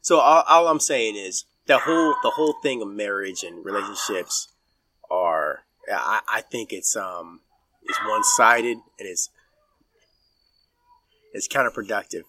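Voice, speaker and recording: A man in his forties giving his opinions in a casual podcast chat, halting with many fillers and restarts. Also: lowish voice, animated, pushed and bright, distant mic, a little hiss or hum. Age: 40s. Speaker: podcast guest.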